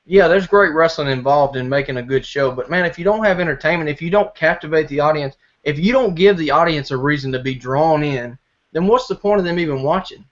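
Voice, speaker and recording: A man's voice: fairly high pitch, a little fast. A young man appearing as a podcast guest, outspoken and brash in casual chat. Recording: dull lo-fi sound.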